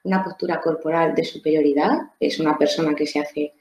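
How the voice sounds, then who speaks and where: This woman's voice is deep, steady, and darkish, moving a little fast as she gives an explanatory social-skills lecture as a trainer. She proceeds step by step, often repeats words, and checks understanding with tag questions, recorded in an echoey room.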